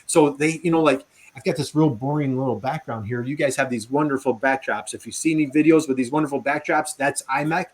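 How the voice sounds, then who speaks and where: A man's voice: medium pitch, fairly quick, hardly any pauses. A man hosting a live video interview show, chatty and enthusiastic, rambling with fillers and building long questions around hypothetical scenarios.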